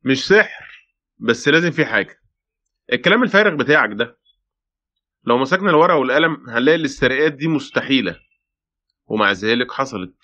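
A man's voice: medium pitch, expressive, fast talker, pauses often, bright, forceful tone. An actor playing a blunt, sceptical male Egyptian police brigadier in a radio play, insistent and dismissive. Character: brusque, sceptical male police brigadier, pressing his case. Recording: dull lo-fi audio.

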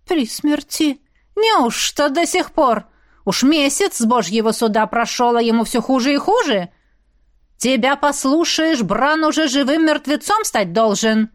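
A woman reading an audiobook voices a stern, bossy old man who heads a village, speaking gruffly and giving orders. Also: high voice, expressive, a little slow. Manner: gruff, commanding.

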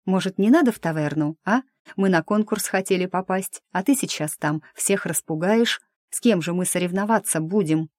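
A woman voicing a cautious young female student gently pleading with a friend, in an audiobook. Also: lowish voice, normal speed, no room sound, clean studio sound, lightly acted. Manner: pleading, reasoning.

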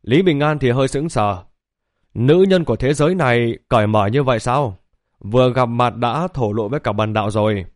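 A man's voice: medium pitch, normal speed, no echo, studio quality. Man narrating a fantasy audiobook. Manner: steady, even storytelling read.

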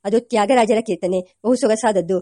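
A woman voicing a humble, gentle village violin teacher, a man who speaks politely and explains patiently. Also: mid-range voice, moderate pace, no room sound, studio quality, natural voice. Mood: humble, explaining.

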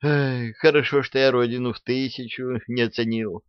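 A man's voice: medium pitch, fairly even intonation, normal speed, clean tone, no echo, highs cut off, voice pushed up, close to an everyday voice. A man voicing a grumpy, stingy male chief of the secret chancellery who grumbles and sulks. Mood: grumbling. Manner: grumbling, sulky.

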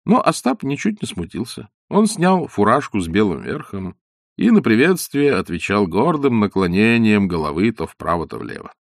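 Low-voiced man reading lively. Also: moderate pace, gravelly, no room sound, clean studio sound. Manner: animated, theatrical reading. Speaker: audiobook reader. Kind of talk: expressive novel narration.

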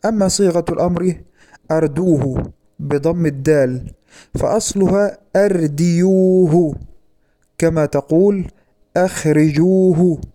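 A man delivers a formal academic lecture in a mellow, rounded voice that sits slightly higher than most men's. His delivery is measured and methodical, and he slows down on example words so each sound comes through clearly.

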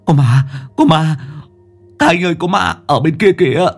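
A man voicing a terrified young man who stammers and shouts in panic in a ghost story. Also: medium pitch, expressive, takes it slowly, husky, full character voice. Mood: panicked.

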